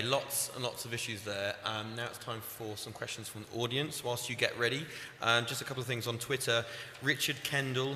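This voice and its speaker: A man moderating a conference panel, briskly reading out comments and taking questions from the room. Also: medium pitch, sharp tone. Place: conference hall, live panel. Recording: echoey hall with faint noise.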